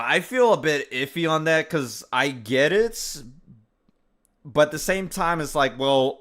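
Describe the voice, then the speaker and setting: A man's voice: mid-range voice, bright, forceful tone. A man streaming live, reacting to a video with rambling, hedging, exasperated commentary.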